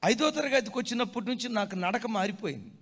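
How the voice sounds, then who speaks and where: A male pastor telling a story in a sermon, swinging from hushed tones to loud, emotional passages. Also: high voice, expressive, fast talker, long reverb tail.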